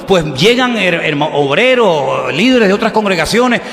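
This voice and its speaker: A male pastor preaches with a fairly high voice, telling jokey little dialogues to his congregation. His voice rings with a long echo, as it would in a big church hall. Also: animated, moderate pace, vocal fry, fairly bright tone. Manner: humorous, conversational preaching with acted-out dialogues. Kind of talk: sermon. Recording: echoey hall.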